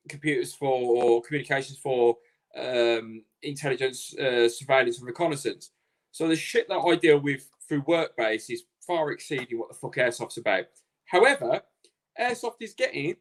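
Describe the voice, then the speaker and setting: A man co-hosting a casual talk show, telling blunt stories full of swearing. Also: on the high side. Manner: blunt, sweary, animated storytelling. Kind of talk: casual podcast chat.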